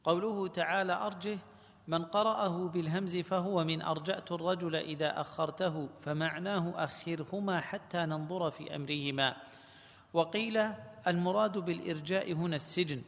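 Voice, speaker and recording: A man reading a commentary text aloud to his teacher in a measured, formal way. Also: a little high, creaky, a bit bright. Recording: long hall reverb.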